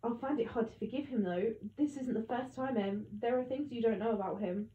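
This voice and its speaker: Woman putting on a distraught pleading mother, raised and high, tinny echoey phone-like sound. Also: a little fast, natural voice. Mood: distressed. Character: anxious heartbroken mother, adult woman.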